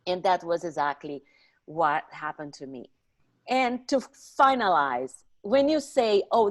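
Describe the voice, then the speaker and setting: A female voice of medium pitch, belonging to a middle-aged woman who is not a native English speaker. She talks in a conversational interview style, as a guest telling her own story. Her delivery is expressive, with emphasis on key words.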